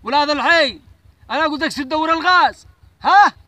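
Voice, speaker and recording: A man's voice: very high-pitched, a little fast, bright, forceful tone, no echo. A man playing an elderly father who preaches at his son, repeating himself and quoting scripture. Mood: scolding. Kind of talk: comedy sketch acting.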